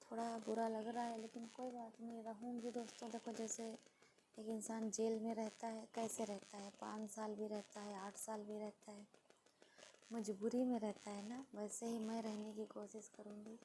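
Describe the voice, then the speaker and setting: A woman's voice: a little high, flat delivery, moderate pace, dark tone, low-quality recording. A woman from India speaking in a sad, pleading personal vlog, repeating her words as she appeals to her viewers. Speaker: vlogger. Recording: faint background noise.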